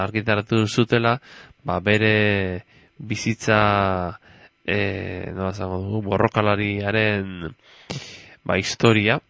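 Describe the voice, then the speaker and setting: A man introducing a story he is about to read, speaking haltingly with many fillers. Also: on the low side, vocal fry, a bit bright, no room sound. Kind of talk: hesitant spoken introduction.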